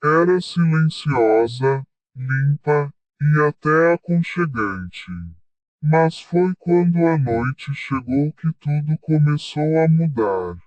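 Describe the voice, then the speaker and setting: A man's voice: a little high, lively intonation, slow, dry recording, distant mic, rough recording. A man in his thirties telling a scary first-person account, his voice altered by a voice changer. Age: 30s. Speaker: interviewed witness.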